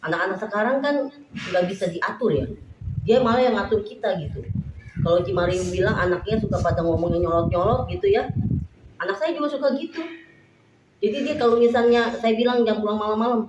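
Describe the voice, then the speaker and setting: A woman's voice: mid-range voice, a little fast. Chatty woman testifying in echoey hall. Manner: chatty, animated retelling with quoted dialogue. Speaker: church member giving testimony. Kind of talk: casual spoken testimony. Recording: echoey room with background noise.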